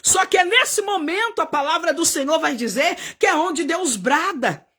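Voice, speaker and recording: A woman missionary preaching a fervent Pentecostal sermon, often shouting and crying out hallelujah. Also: extremely high pitch, expressive, moderate pace.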